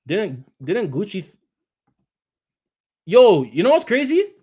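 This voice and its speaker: Male streamer, high voice, heated combative rant aimed at chat. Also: huge pitch swings, slow pace, warm tone, slightly rough. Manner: combative, repetitive, talks straight at chat. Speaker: live streamer.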